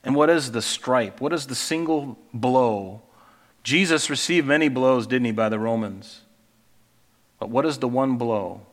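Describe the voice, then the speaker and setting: A man's voice: mid-range voice, unhurried. Earnest male pastor in a reverberant sanctuary. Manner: earnest, emphatic scripture reading with asides. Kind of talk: sermon.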